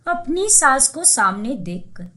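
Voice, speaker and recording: Slow, expressive woman storyteller. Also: high voice. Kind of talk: scripted cartoon story narration.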